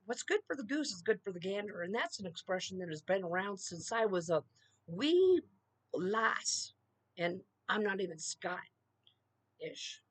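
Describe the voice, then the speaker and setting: A woman's voice: mid-range voice, quick pace, few pauses, dry recording. A middle-aged woman delivering an emphatic solo political rant, punctuating her points with "okay?" and "you know.". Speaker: political commentator.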